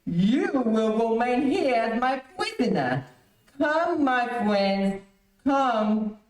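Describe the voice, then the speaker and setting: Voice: medium pitch, very animated, very slow. An actor playing an imperious, stern rebel prince in an old radio serial, declaiming commands. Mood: grand, commanding. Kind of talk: 1930s radio serial acting. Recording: echoey room, distant microphone.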